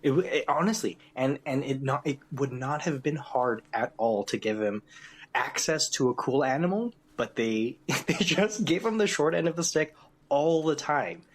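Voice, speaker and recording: A man's voice: mid-range voice, moderate pace, husky. A man co-hosting a casual podcast chat, steering the topic and chuckling through his sentences. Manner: leads the topic, laughs often mid-sentence. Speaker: podcast co-host.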